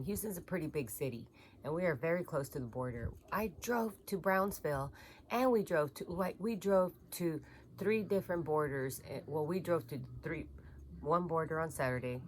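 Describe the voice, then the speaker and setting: A woman's voice: low-pitched, a bit bright, slight background noise. A woman chatting casually in a home vlog, rambling and gushing over her yarn. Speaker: crochet vlogger.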